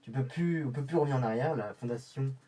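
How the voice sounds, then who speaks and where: A man's voice: medium pitch, fast talker, mellow, recorded from a distance, lightly acted. A man playing a young male infiltrator getting ready for a covert mission, often stammering and restarting his sentences in amateur web-drama style. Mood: irritated.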